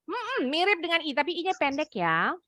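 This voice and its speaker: A woman English teacher, slowly modeling words for young pupils in an online class. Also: very high-pitched, huge pitch swings, sharp tone, dry recording. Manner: slow, clear modeling of words for children.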